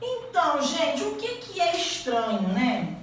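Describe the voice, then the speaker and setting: A woman's voice: high voice, sing-song, a little slow, noisy background. A Brazilian woman teacher giving a classroom grammar lesson, quizzing students with rising questions. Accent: Brazilian Portuguese. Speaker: Portuguese teacher. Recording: echoey room, mic at a distance.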